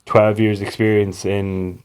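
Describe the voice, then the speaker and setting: A man's voice: on the low side, little pitch movement, slow pace, darkish tone, clear, resonant tone. A young man with a west of Ireland accent chatting casually and telling anecdotes in loose, sweary slang, peppered with "like" and "you know". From Galway, Ireland. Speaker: podcast guest, business co-founder.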